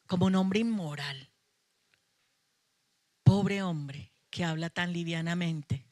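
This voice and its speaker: A woman's voice: fairly low pitch, a little mellow, dry recording, clean studio sound. A middle-aged woman pastor, preaching a sermon with emphatic passion and playful asides to her congregation. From Colombia. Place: church sanctuary.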